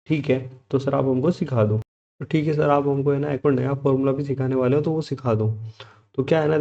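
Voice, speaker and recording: Mellow-voiced man teaching spreadsheet steps. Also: mid-range voice, lo-fi sound. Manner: steps through clicks, repeating "theek hai" and posing students' questions himself. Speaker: computer tutor. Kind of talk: screen-recorded software tutorial.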